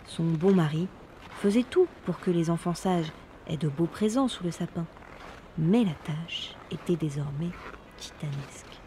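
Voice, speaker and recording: A woman narrating a Christmas storybook with lively, playful delivery and little sound words. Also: on the low side, unhurried, a little hiss or hum.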